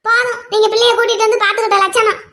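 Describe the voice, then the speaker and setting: A woman voicing an exasperated, sharp-tongued grandmother in a cartoon. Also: very high-pitched, flat delivery, very fast. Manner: nagging, sarcastic.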